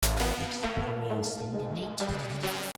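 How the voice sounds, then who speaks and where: A spoken vocal sample in a dance track, put through a tape stop effect so it slows and drags as it ends. The voice is slightly husky and sits dry and close, with faint music underneath. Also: medium pitch, animated, no room sound. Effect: tape stop slowdown on a vocal sample.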